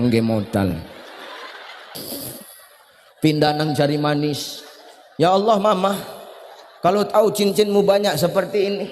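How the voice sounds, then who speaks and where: A man giving a comic sermon, joking and shouting punchlines. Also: on the high side, slight background noise. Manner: jokey, shouting punchlines, mixing in Javanese phrases. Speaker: preacher. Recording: hall reverb.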